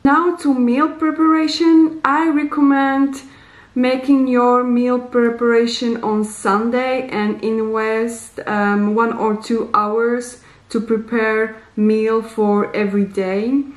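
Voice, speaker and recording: A woman in her thirties, a vlogger hosting a casual instructional video, gives deliberate, simply worded advice to camera in slightly non-native English. Her voice is on the high side with little pitch movement, and the small bare room sounds reverberant.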